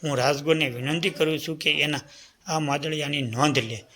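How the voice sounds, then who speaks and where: Steady, earnest herder from a folk tale, unhurried, bright voice, voiced by a male narrator. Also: a little high. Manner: measured, earnest pleading. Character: loyal male cattle-herder, steady and earnest foster father.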